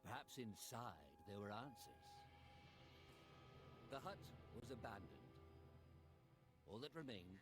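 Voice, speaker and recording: A man narrating a video game story in a lively, expressive storybook manner. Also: fairly low pitch, slow pace, pauses often. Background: music.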